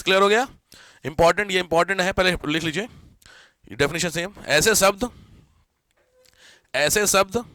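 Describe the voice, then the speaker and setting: A man with a high, bright voice teaches a grammar lesson to a class. He keeps asking whether everyone has understood and repeats key words slowly for dictation. The sound is close and dry. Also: dry recording. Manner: keeps checking if students follow, mixes English words into Hindi.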